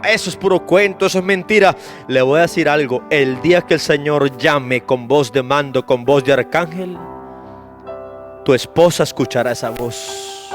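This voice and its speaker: A man preaching a fervent sermon at a church service, swinging from soft asides to loud, drawn-out shouts and calling out to listeners by name. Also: a little high. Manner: repeats key phrases and calls out to listeners by name. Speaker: pastor.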